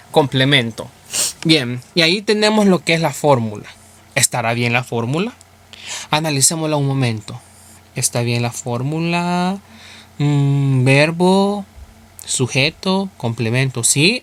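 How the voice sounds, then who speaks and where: A man's voice: fairly high pitch, fairly bright tone. A male English teacher who explains grammar step by step, asking himself questions and then answering them. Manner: asks and answers his own questions.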